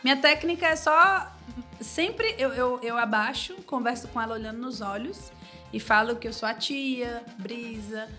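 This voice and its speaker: A young Brazilian woman, a wedding planner, telling anecdotes in a relaxed interview and acting out the dialogue. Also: on the high side, moderate pace, soft background music. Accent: Brazilian Portuguese. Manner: animated storytelling, acts out quoted dialogue.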